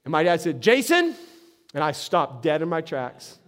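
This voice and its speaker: High-voiced man preaching conversationally. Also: moderate pace. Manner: conversational, repeats words when starting sentences. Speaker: pastor. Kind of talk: sermon.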